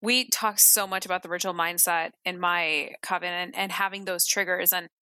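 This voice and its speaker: A woman's voice: fairly low pitch, fairly even intonation, moderate pace, bright, forceful tone, smooth, no room sound. A woman hosting a casual interview, chatty and giggly with lots of "you know" and "like". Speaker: podcast host.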